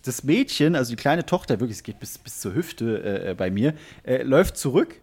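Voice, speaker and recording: A man's voice: mid-range voice, fairly quick, slightly rough. A man co-hosting a casual podcast, telling a funny anecdote and acting out his own reactions. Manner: animated storyteller, acts out his own reactions. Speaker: podcast co-host.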